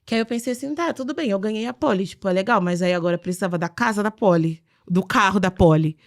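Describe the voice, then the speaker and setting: A woman in her twenties from the interior of Minas Gerais, Brazil, appears as a podcast guest and beauty communicator, sharing childhood stories in a conversational interview. Medium-pitched and quick, she tells personal anecdotes in an animated, chatty way, laughing and tagging lines with "entendeu?".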